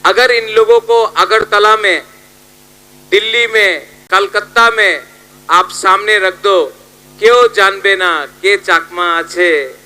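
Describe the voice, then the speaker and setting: A man speaking at a political rally, swinging between loud appeals and quieter asides to the crowd. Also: sits high, low-quality recording. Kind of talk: rally speech.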